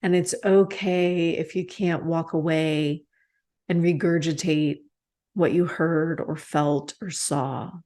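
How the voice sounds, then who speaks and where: A woman meditation teacher giving a reflective talk, gentle and unhurried, with soft pauses. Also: lowish voice. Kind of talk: slow reflective dharma talk.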